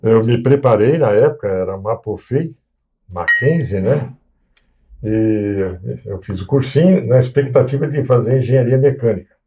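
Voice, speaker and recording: Here a man in his sixties, a Brazilian civil engineer whose accent belongs to the São Paulo coast, calmly revisits his career as a guest in a casual interview. His medium-pitched, darkish voice is full of hesitations and restarts.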